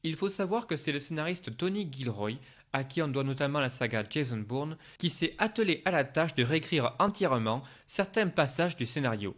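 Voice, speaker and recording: A man's voice: on the high side, animated, a little fast, fairly bright tone. A man reading a scripted film review as a voice-over narration.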